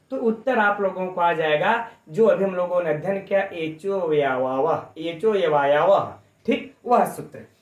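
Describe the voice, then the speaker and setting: A man with a high voice teaching a grammar class for exam preparation. He breaks each rule down step by step, keeps calling his students friends and puts questions to them. The sound is echoey, as in a bare room. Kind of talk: exam coaching lecture.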